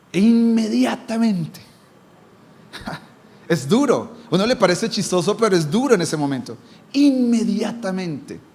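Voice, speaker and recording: A man who is a pastor, preaching a sermon. He asks rhetorical questions and moves between strong emphasis and a low, hushed tone.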